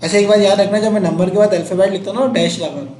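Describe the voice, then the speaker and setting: Male chemistry teacher, higher voice, keeps quizzing the class, echoey classroom. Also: fairly even intonation, rapid-fire, darkish tone. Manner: quizzing students, counting out numbers.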